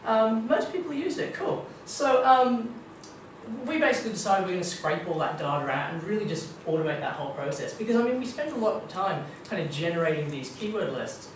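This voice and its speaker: Speaking in a high, expressive voice at a brisk clip, a young Australian man gives a casual, chatty tech talk packed with ums and kind-ofs. He's the guest speaker at a marketing meetup, set in a dim meeting room with a projector screen. The audio comes from a far room camera and sounds echoey, distant, and noisy.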